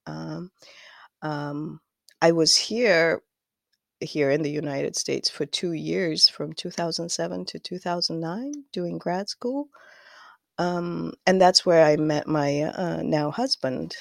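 A woman's voice: low voice, takes it slowly, vocal fry, dry recording, studio quality. A woman from Kazakhstan with a Kazakh accent, chatting as a podcast guest, rambling and laughing often. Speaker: guest knitwear designer. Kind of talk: casual interview chat.

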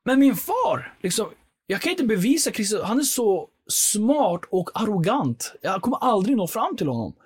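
A man tells his personal life story as a podcast guest, earnest and animated, his talk full of fillers. His voice is husky and raspy, sitting somewhat high for a man. The sound is close and dry, with no room around it. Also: dry recording.

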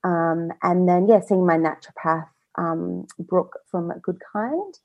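Woman podcast guest, lowish voice, casual and chatty, lots of fillers; slightly muffled lo-fi audio. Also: slow. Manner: chatty, many fillers and self-quotes. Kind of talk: casual personal interview.

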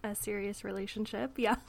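A woman hosting a podcast in a casual, chatty way, laughing often and filling pauses with "um". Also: medium pitch, creaky. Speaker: podcast host.

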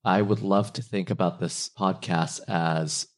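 A man's voice: low-pitched, fairly even intonation, a little slow. A man hosting a podcast, asking friendly, curious questions. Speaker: podcast host. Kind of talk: podcast interview.

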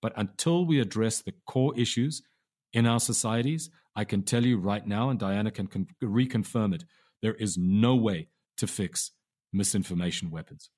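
A man's voice: lowish voice, moderate pace, darkish tone. A man, a documentary filmmaker guest, making his points emphatically and repeating words for stress. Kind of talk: interview answer.

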